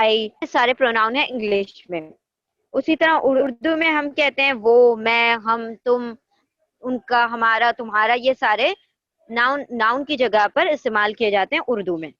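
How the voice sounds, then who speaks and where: Patient woman grammar teacher, unhurried, leads call-and-repeat drills; muffled, dead-dry recording. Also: sits high, fairly bright tone, no room sound. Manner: patient explaining, mixing in English terms, leads chanted repetition.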